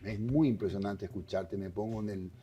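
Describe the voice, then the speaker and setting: Mellow low-voiced male interviewer. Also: moderate pace. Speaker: host. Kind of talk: interview questions.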